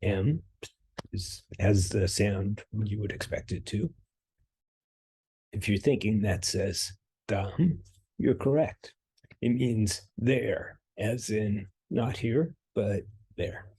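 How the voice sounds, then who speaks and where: A man narrating a scripted language lesson with dry, deadpan humor. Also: lowish voice, slow pace, slightly rough. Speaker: language teacher.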